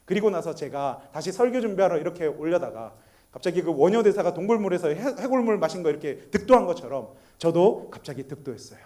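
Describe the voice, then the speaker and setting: A man's voice: a little high, big pitch swings, quick pace, mellow. A man in his thirties, a pastor, giving a sermon full of family stories and questions to the congregation. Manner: storytelling, acting out family dialogue.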